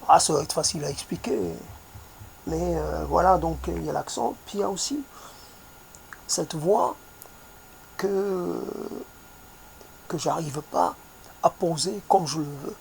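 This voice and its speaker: A man with a noticeable accent, speaking softly in a reflective monologue, pausing often and searching for his words. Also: fairly high pitch, vocal fry, slight background noise. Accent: foreign accent in French. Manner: hesitant, searching for words, many fillers; soft-spoken.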